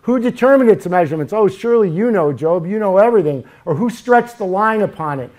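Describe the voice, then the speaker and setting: A man voicing God as a mocking, sarcastic figure, loud and raised in pitch. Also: expressive, normal speed.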